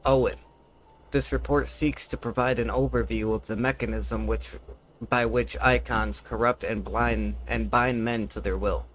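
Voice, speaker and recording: A man voicing a computer terminal in a robot voice, reading out a report slowly and evenly. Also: medium pitch, fairly even intonation, fairly bright tone, poor audio. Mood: mechanical. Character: flat, slow male computer terminal voice. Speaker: streamer reading game dialogue aloud.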